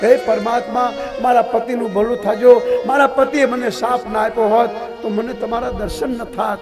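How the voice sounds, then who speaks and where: A man's voice: very high voice, steady tone, moderate pace. A man preacher voicing a wronged, grieving ancient woman who humbly and tearfully begs for mercy. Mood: pleading. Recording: devotional music playing under the voice.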